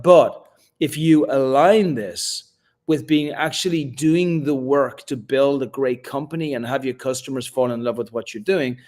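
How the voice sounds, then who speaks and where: A man moderating a live startup talk, speaking in an energetic, emphatic and casual way, with the odd swear word. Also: medium pitch. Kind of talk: motivational live talk to founders.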